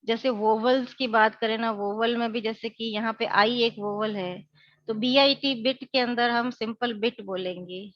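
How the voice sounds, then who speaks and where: A woman's voice: a little high, steady tone, highs cut off. A woman teacher, explaining an English lesson in Hindi mixed with English. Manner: slows right down on English phrases.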